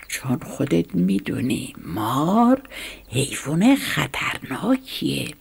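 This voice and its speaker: A woman's voice: low voice, vocal fry, breathy edge, heavily acted. A woman voicing a cautious, resigned older male mouse in a whispered role-play, giving sober advice. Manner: resigned, advising.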